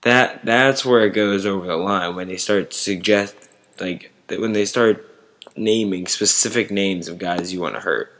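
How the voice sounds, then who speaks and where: A man giving casual, unscripted sports commentary to online viewers in a halting way, searching for words. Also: low voice, fairly bright tone.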